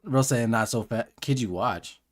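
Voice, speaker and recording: A man's voice: mid-range voice, moderate pace. A man hosting a livestream reaction, talking in slangy, incredulous, joking asides. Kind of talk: casual reaction commentary. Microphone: earphones on, desk setup.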